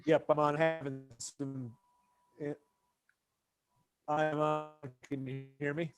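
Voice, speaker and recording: A man calling into a meeting on a crackly phone line that fades in and out, talking haltingly with many fillers. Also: on the high side, flat delivery, soft background music. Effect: crackly, fading phone line. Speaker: hospital report presenter at a board meeting. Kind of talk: remote meeting call-in. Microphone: phone call into a meeting.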